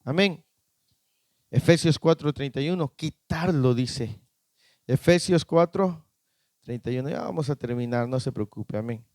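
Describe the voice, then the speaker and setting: A man's voice: mid-range voice, measured pace, pauses often, darkish tone, dry recording. A man preaching a sermon as pastor, often quizzing the congregation with short questions. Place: church.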